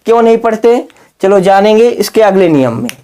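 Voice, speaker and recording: A man teaching a casual video lesson, who asks questions and answers them himself, and spells words out slowly. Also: high-pitched, big pitch swings, mellow. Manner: slow, drawn-out spelling aloud.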